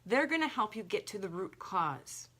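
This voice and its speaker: A young adult woman who works as a holistic health coach talks casually and emphatically straight to camera, using "like" a lot. Her medium-pitched voice swings widely in pitch, sounds a bit bright, and moves at normal speed.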